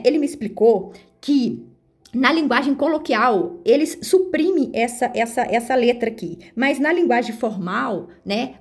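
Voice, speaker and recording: A woman with a Brazilian Portuguese accent teaching the Bible on a phone video, warmly calling her listeners brothers and sisters and reading verses slowly. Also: fairly high pitch, creaky. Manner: warm devotional tone, repeatedly addresses listeners as brothers and sisters; reads scripture slowly and deliberately. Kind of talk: informal Bible study on video. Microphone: phone camera.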